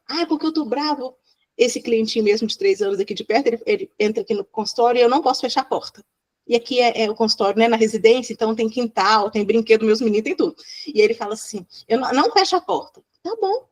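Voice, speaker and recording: A middle-aged woman talks in a fairly high voice. She is a child psychologist who tells her stories with lots of energy, acting out each voice she quotes, and she laughs often. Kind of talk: animated storytelling in a podcast interview.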